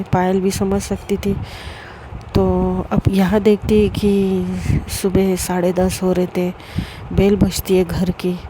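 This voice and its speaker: A woman telling a romance story aloud in a plain, unhurried manner with small fillers. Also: on the low side, background noise. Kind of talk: storybook narration.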